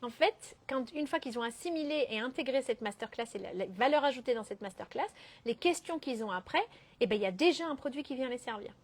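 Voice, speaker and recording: A woman's voice: fairly high pitch, expressive, brisk. A woman business coach talking on a live stream, emphatic and dropping English phrases into her speech. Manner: mixes English phrases into French; emphatic, keeps asking "ok?".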